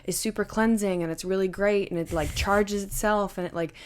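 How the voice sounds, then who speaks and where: A young woman co-hosting a podcast in casual chat, animated and giggly, often restarting her sentences. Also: medium pitch, brisk. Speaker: podcast co-host.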